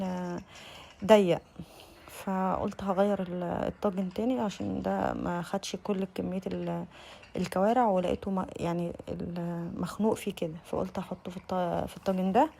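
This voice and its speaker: A young Egyptian woman narrates in a quick, chatty way with an Egyptian Arabic accent. Her voice has a gravelly fry, and she speaks straight to her viewers, stopping and restarting her sentences as she goes. The pitch sits in a middle range. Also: mellow, a little hiss or hum. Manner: chatty, addresses viewers directly, frequent restarts. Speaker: lifestyle vlogger. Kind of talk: casual voice-over narration.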